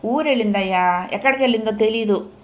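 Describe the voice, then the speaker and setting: A woman's voice: on the high side, fairly quick, lo-fi sound, lightly acted. A woman reading as a chatty, gossiping neighbour. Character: evasive, talkative neighbour.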